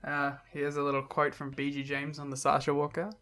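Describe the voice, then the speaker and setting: A man's voice: fairly high pitch, completely flat delivery, a little fast, sharp tone. A man co-hosting a podcast in casual chat, with sarcastic, mocking interjections. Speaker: podcast co-host.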